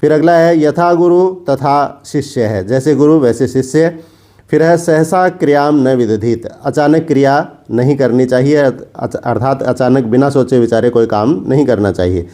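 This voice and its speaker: A male teacher, calmly explaining grammar by reading example sentences slowly and then translating each one. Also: mid-range voice.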